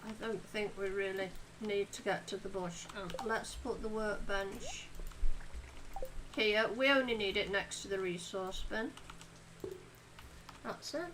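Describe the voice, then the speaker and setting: A woman's voice: mid-range voice, a little slow, long pauses, background noise. A woman hosting a game live stream, chatting casually and talking through her own moves as she plays. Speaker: streamer and host.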